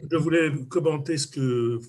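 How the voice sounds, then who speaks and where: A man speaking in a group discussion, measured, often repeating words while he thinks. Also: a little high, background noise. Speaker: club member in a discussion. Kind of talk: casual discussion.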